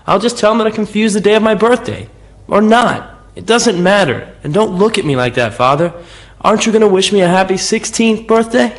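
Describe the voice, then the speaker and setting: A man's voice: high-pitched, lively intonation, a little fast. An actor playing a cocky, defiant teenage boy who likes to tease, in an English anime dub.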